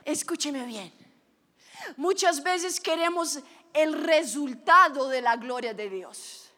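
A woman preacher giving a sermon, telling stories with animated delivery and breaking into shouts. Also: high voice, slow pace.

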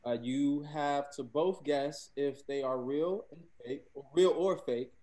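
A man's voice: a little high, a little slow, mellow. Polite, sheepish man hosting a quiz. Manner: polite, sheepish, laughs at himself. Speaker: game segment presenter.

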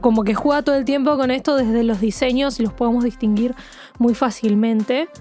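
High-voiced woman explaining casually. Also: fairly quick, warm tone, soft background music. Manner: explanatory, tags points with "¿no?". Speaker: podcast co-host. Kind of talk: casual film discussion.

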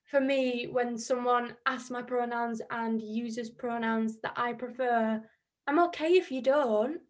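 A woman with a Yorkshire accent, a musician guesting on a casual podcast, answering gently and thoughtfully in long flowing sentences. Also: a little high, fairly even intonation, measured pace. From Northern England.

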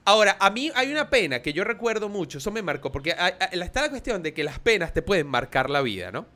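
A man in his thirties with a Venezuelan Spanish accent, co-hosting a casual podcast and telling stories in an animated way, laughing often. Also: sits high, quick pace. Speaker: podcast co-host. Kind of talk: casual chat.

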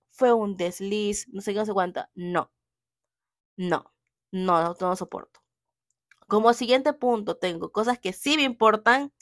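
A young woman talking about books in a casual, opinionated way, emphatic and animated, often repeating her points. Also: a little high, no echo, clean studio sound. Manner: emphatic, animated, keeps repeating "así de simple". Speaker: book vlogger.

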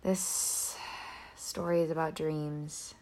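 Sleepy low-voiced woman reading a story. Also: little pitch movement, takes it slowly, warm tone. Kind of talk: reading her own short story aloud.

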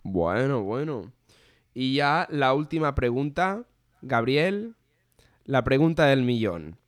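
Man, interviewer, chatty, crisp voice, dry recording. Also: mid-range voice, sing-song, no room sound. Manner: chatty, quick to agree. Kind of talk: casual interview.

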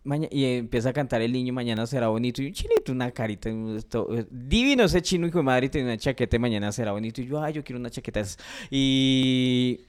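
A young man with a mid-pitched voice recounts a night out. He rambles and keeps dropping slang fillers in a loose podcast chat. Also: quick pace, few pauses, clean tone. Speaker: podcast co-host. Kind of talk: casual chat.

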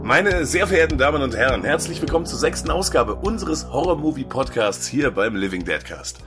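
Over background music, a man hosts a horror movie podcast while nursing a cold, his medium-pitched voice sing-song and fairly quick. He chats casually, cracking jokes and filling his talk with fillers and restarts.

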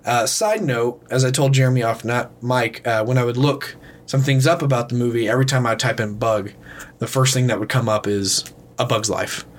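A man co-hosting a casual podcast in an informal, joking way, congested, with a rough smoker's rasp. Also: mid-range voice, moderate pace. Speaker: podcast co-host. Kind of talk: casual film podcast chat.

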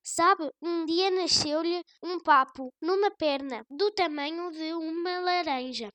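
A woman's voice: very high voice, takes it slowly, a bit bright, no room sound, heavily acted. A woman with a European Portuguese accent voicing a shrewd, unflustered old grandmother in a storybook tale. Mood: sly calm.

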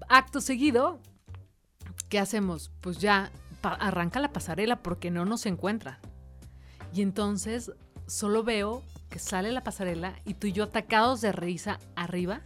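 Expressive Mexican woman telling a story. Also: mid-range voice, moderate pace, soft background music. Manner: animated storyteller acting out quotes. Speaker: radio host. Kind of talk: casual chat telling an anecdote.

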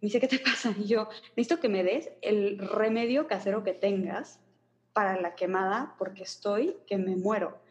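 A woman's voice: medium pitch, normal speed, muffled recording. A woman with a Mexico City accent, chatting casually and telling an anecdote with quoted voices. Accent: Mexico City Spanish. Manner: chatty, slangy, expressive quoting. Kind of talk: casual storytelling chat.

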